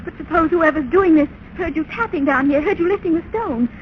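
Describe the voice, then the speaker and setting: An actress playing an anxious, caring young heroine in a 1930s radio mystery. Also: female voice, very high voice, brisk. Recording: noisy, muffled 1930s radio recording.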